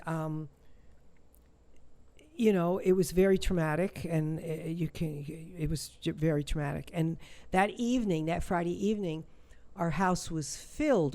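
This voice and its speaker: A woman with a somewhat low voice speaks as an interview guest. She tells a personal story with feeling, stumbling, restarting and repeating herself as she goes. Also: warm tone. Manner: halting, emotional, many restarts and repetitions. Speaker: shamanic healer guest.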